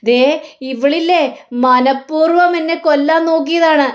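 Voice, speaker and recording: A bitter elderly mother-in-law voiced by a woman hurls accusations in a complaining tone. The voice sits high. It is told as part of a soap-serial retelling. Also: unhurried. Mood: accusing.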